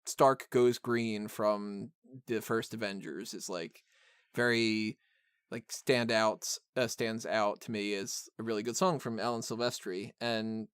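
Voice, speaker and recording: Chatting loosely about a film on his podcast, a man with a lowish, fairly bright voice speaks unhurriedly and with fairly even intonation. Expect rambling, blunt opinions, an occasional joke, and frequent "like" and "kinda," recorded dry and clean at studio quality.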